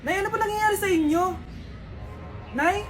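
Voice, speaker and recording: A woman with a very high voice acts out comedy skits, switching quickly between characters. Music plays under her lines. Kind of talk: comedy skits playing every role. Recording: music behind the voice.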